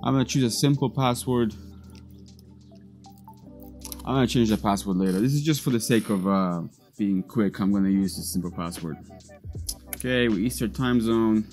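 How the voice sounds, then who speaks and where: A data recovery technician in his thirties, whose first language is Polish, casually talks through a screen-recorded computer tutorial one step at a time, frequently using fillers and restarting. His lowish, darkish voice moves fairly quickly over soft background music, captured on a clip-on lapel mic in a cluttered indoor workshop or lab.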